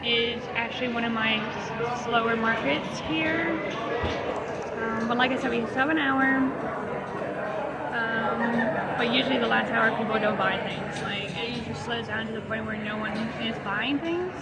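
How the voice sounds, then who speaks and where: A woman's voice: on the high side, fairly even intonation, measured pace, heavy background noise. A woman selling crafts, chatting casually to her vlog from an outdoor market stall with lots of fillers. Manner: chatty, rambling, many "um" and "like" fillers. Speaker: craft vendor and vlogger.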